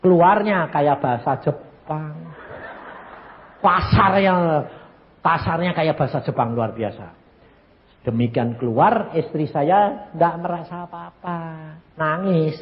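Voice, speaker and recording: Slowly and at a fairly high pitch, an eighty-something preacher from Central Java, Indonesia, with a Javanese accent, gives a testimony-style sermon. He is an evangelist who tells stories animatedly using sound effects, and the lo-fi recording carries a long reverb tail.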